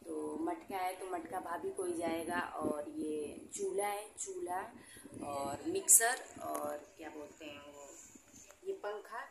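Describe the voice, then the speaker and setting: A young woman chats to her viewers in a relaxed daily vlog, pointing out things around her home as she goes. Her voice sits a little low for a woman. It echoes in a bare, emptied room, with noisy phone audio behind her. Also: slow pace, creaky. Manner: chatty, talks straight to viewers while showing her home. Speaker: vlogger.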